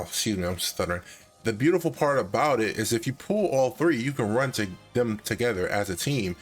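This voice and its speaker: A young man giving casual gaming commentary, rambling and correcting himself, with lots of fillers like "uh" and "like". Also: fairly low pitch. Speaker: game guide creator.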